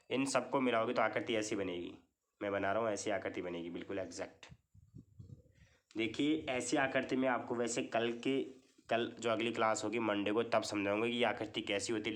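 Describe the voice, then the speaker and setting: A man's voice: on the low side, a bit bright. A man teaching a maths lesson in a classroom style. He explains step by step, keeps checking with the class and asks questions that he answers himself. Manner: explains step by step with many repeated checks like "theek hai".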